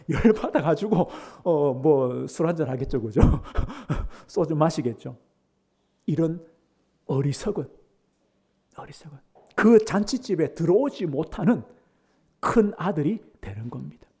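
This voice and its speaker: A man preaching a sermon as pastor. He drops to hushed near-whispers, then rises to loud, emphatic questions. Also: a little high, slightly rough. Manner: slow, measured scripture reading.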